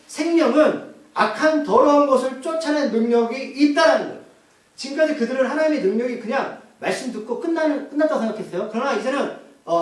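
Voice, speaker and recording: A male pastor preaching a sermon, asking the congregation questions and answering them himself. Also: very high voice. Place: church. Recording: echoey church hall from far off.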